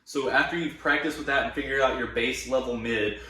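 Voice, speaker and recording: A man's voice: medium pitch, fairly quick, sharp tone. A man teaching a vocal technique in a casual, plain-spoken explanatory way with informal slang. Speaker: vocal tutorial instructor. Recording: very echoey room.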